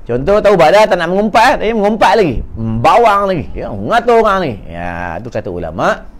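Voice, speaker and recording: A man preaching with a Malaysian Malay accent, his voice sitting a little high for a man. He jokes, fires off questions and answers them himself. He swings between loud, pressing emphasis and soft, low asides. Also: brisk. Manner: lively, joking, asks and answers his own questions. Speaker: religious teacher. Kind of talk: casual sermon to a congregation.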